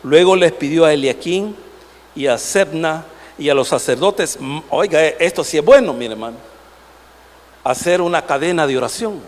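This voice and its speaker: A man delivers a sermon in a church, his high voice rising and falling as he puts questions to the congregation. His voice swings widely in pitch. A long reverb from the sanctuary trails every phrase. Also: normal speed. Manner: animated preaching, rhetorical questions to the congregation. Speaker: pastor.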